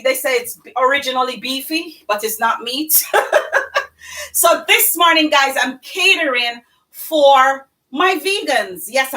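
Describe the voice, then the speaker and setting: Bright-voiced chatty woman host. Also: a little high, rough recording. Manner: chatty, effusive, talks to viewers. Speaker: cooking show host. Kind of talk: live-streamed cooking chat.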